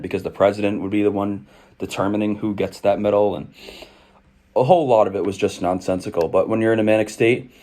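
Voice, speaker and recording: Young male, low voice, articulate personal storyteller reading aloud and explaining. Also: mellow. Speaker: video creator recounting own past.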